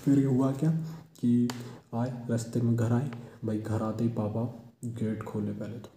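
A man's voice: mid-range voice, level tone, measured pace, dark tone, slight background noise. A young man telling a funny personal story in a casual, chatty way, often chuckling as he goes. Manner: chatty, keeps saying "bhai", chuckles through the tale. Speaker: vlogger. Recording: roomy echo.

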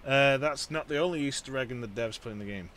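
A man's voice: medium pitch, quick pace, a bit bright, a little hiss or hum. A man giving casual gameplay commentary while playing, joking, swearing and chatting to viewers. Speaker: gaming video host.

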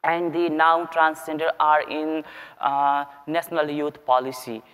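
Nepali accented guy on a conference panel, lots of uhs, monotone, echoey hall. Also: fairly high pitch, smooth. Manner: halting, many fillers. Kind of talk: panel talk. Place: conference stage. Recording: long reverb in a hall.

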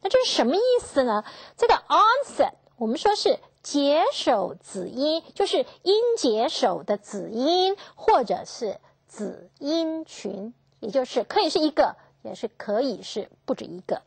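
A woman teaching English phonetics in a classroom lecture, asking her students questions and slowly repeating each key term. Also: high-pitched, very animated, vocal fry, no echo. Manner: slow, drawn-out, repeats key terms, asks students questions.

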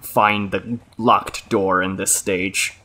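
A man's voice: low-pitched, steady tone, slow, sharp tone. A young man hosting a casual let's-play with friends, laid-back and guiding the others. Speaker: gaming channel host.

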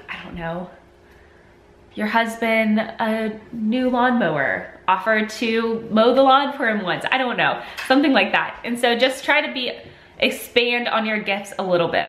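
A sniffly woman in her twenties, nursing a cold, vlogs about lifestyle from her home kitchen, chatting casually to the camera. Her voice sits on the high side with a fairly bright tone. She's talkative and uses her hands a lot, and the camera at desk distance picks up the kitchen's echo.

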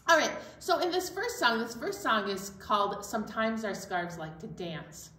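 This middle-aged storytime host at a children's library has a voice on the high side, sing-song, pushed and bright, at normal speed. She talks directly to young children and keeps her explanations simple. Captured indoors in the storytime room, the audio is roomy with a distant mic and faint background noise.

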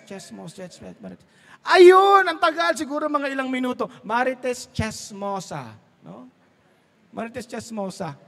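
High-voiced Filipino pastor preaching in a hall. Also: male voice, a bit bright. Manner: jokey, laughs at his own stories, mixes Tagalog and English. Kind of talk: sermon.

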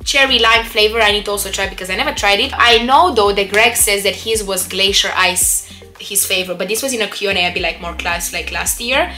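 A woman's voice: mid-range voice, a little fast, sharp tone, soft background music. A young woman chatting casually and upbeat in a product review vlog, with rambling asides. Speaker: vlogger.

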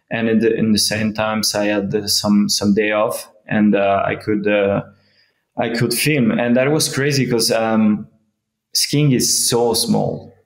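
Slow, gravelly man. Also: fairly low pitch. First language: French. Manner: halting, many fillers and restarts. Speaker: guest, freeride skier. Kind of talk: casual interview. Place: indoor room, remote video call. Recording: echoey room sound.

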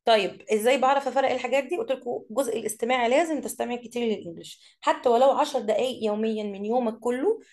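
A woman with an Egyptian accent teaching an English vocabulary lesson, saying each word slowly and then explaining it quickly. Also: fairly high pitch, a little mellow. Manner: reads words slowly, then explains briskly.

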